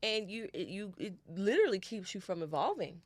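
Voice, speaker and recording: A woman co-hosting a podcast, telling stories in an animated way and repeating her phrases in casual chat. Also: medium pitch, fairly quick, no room sound. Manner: animated storytelling, repeats phrases, spiritual talk. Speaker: podcast co-host.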